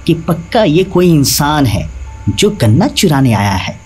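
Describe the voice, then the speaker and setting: A man narrating a scripted horror story in a dramatic, animated storytelling manner. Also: a little high, measured pace. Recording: faint background music.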